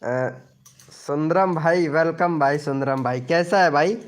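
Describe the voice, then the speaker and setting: A man's voice: fairly high pitch, a little slow. A young man hosting a casual live stream, joking and teasing viewers by name.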